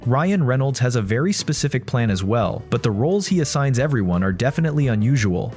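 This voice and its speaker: A man's voice: medium pitch, very animated, fast, darkish tone, soft background music. A man narrating a video from a script, linking one story to the next.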